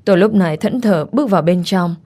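A woman reading a first-person dramatic story in a steady scripted narration. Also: fairly low pitch, fast.

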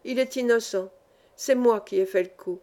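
A woman's voice: on the high side, normal speed, a little mellow, close to an everyday voice. A woman voicing a huge, strong male miner who pleads and confesses, repeating himself, in an audiobook. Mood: pleading confession.

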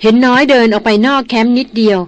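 A woman's voice: on the high side, steady tone, fast talker, no echo, natural voice. A woman voicing a headstrong young noblewoman who complains sharply, in a dry audiobook recording. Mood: indignant. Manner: indignant complaining.

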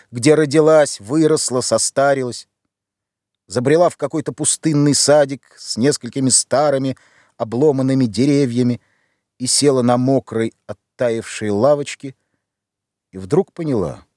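A male reader narrating a literary story in a measured, somber way. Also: medium pitch, a little mellow, no echo, studio quality. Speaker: audiobook reader.

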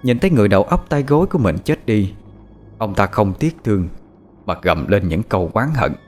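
A man's voice: lowish voice, a little fast. A man narrating a horror story in a dramatic, scripted manner. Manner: lively, dramatic delivery. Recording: soft background music.

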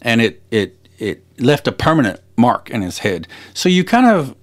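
Animated man retelling a story. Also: medium pitch, moderate pace. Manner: animated storyteller, many fillers and restarts. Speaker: podcast co-host. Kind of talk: casual chat.

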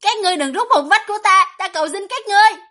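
A woman reader lends her voice to a panicked young cultivator who sobs and begs in a storybook fantasy. The voice climbs high and loud, and the words tumble out fast. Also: expressive, exaggerated voice. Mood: terrified pleading. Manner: sobbing, begging. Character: young man pleading in terror.

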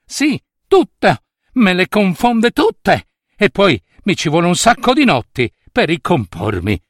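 A man's voice: high-pitched, huge pitch swings, slow, dry recording, clean studio sound, voice pushed up, full character voice. A man voicing a touchy, sad old skeleton made of bird bones, whiny and complaining in a storybook. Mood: aggrieved.

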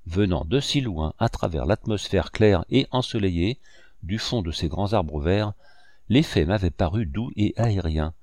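A man reading a classic novel aloud as an audiobook narrator, in a steady, measured way. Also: low voice, dry recording, clean studio sound. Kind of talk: scripted narration.

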